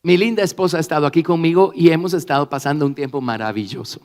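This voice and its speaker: A man's voice: fairly high pitch, fast talker, a little mellow. A man speaking in church as an interpreter, in the style of prayer and sermon. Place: large church hall. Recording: reverberant church hall, faint music.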